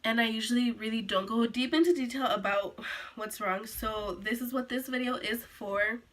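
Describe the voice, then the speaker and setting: A teenage girl recording a sit-down story time for her channel, her voice high and bright. She rambles and restarts, packs in "like" and "um", and still sounds a little rough from being sick. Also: normal speed. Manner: rambling, filler-heavy, many "like"s and restarts. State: recovering from illness, coughing. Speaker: vlogger.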